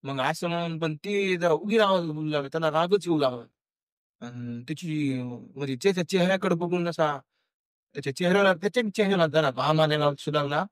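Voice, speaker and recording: A young man with a Marathi accent, speaking a little high for a man and telling a spooky story in a halting, hesitant way. He uses many fillers and restarts, and he acts out the voices of the people in the story. The recording is dry and close, with no room sound. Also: clean tone, dry recording. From India. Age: young adult. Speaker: guest storyteller. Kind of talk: casual podcast storytelling.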